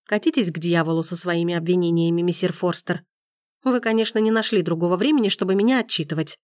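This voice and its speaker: A woman's voice: medium pitch, lively intonation, fairly quick, no room sound, clean studio sound, lightly acted. A woman reading an audiobook, voicing an enraged young woman who hurls angry accusations. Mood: sharp. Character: furious young woman in period romance.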